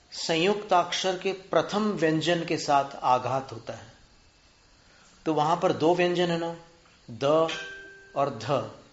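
Slow deliberate male teacher, echoey room. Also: on the high side, lo-fi sound. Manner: slow and deliberate, drawing out syllables and counting them aloud; asks students rhetorical questions. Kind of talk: spelling and pronunciation lesson.

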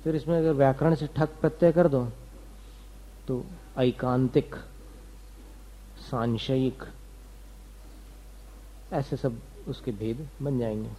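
Mellow-voiced man teaching religious doctrine. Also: mid-range voice, steady tone, slow, long pauses, a little hiss or hum, low-quality recording. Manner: asks and answers his own questions, lists terms methodically. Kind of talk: doctrinal lecture to students.

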